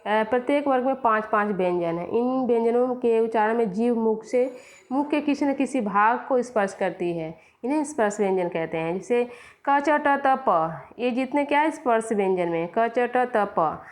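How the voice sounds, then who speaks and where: Woman teacher, fairly high voice, grammar lesson, asks and answers her own questions. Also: moderate pace. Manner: explains step by step, quizzing and answering herself. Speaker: Hindi teacher.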